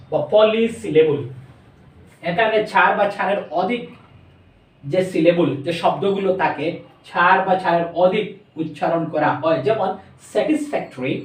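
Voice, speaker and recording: Bangladeshi man, English teacher, high voice, slow drawn-out words, echoey room, distant mic. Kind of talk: classroom lesson.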